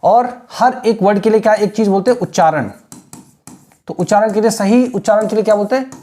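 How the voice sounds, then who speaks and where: A man giving a classroom lecture as an English teacher, explaining patiently in mixed Hindi and English and spelling words out slowly. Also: high-pitched, mellow. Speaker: English teacher for exam aspirants.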